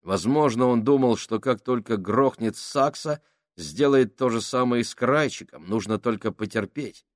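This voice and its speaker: Guy reading an audiobook, steady, middle pitch, super dry mic. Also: moderate pace, no room sound. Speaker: audiobook narrator. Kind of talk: scripted narration.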